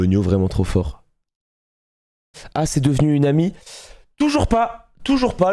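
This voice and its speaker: A man streaming live, chatting casually and excitably with his viewers, laughing often and swearing casually. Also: mid-range voice.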